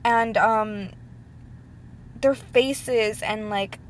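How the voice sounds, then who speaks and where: A woman's voice: on the high side, steady tone, very slow, slight background noise. A young woman of about twenty from Ecuador, talking casually and heartfelt to her laptop webcam, rambling with many ums and likes. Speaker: vlogger. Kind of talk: casual talk to camera. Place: indoors at home, sitting at her computer. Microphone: laptop webcam mic.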